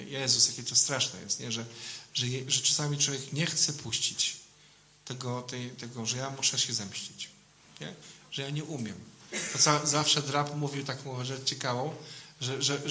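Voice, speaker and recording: A man's voice: medium pitch, pushed and bright, a little hiss or hum. A man, a priest, giving an informal sermon in a conversational way, often adding a questioning tag to his sentences.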